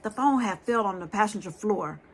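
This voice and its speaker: Husky lady telling a scary story to her viewers, blunt and lively, cusses a lot. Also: medium pitch, moderate pace. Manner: lively, blunt, addresses listeners directly, swears freely.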